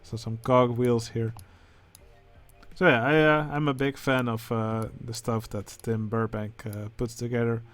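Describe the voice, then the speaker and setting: Dutch guy talking thru game entries, lots of uhs, pretty monotone, mid pitch. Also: a little slow, soft background music. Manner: hesitant, many filler sounds. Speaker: channel host judging a building contest. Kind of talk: casual game commentary.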